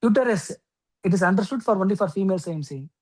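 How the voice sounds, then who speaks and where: A woman teaching an astrology class, explaining step by step with frequent okays and pauses. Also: mid-range voice, animated, darkish tone, low-quality recording. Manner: explains slowly with many okays and fillers. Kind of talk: lecture.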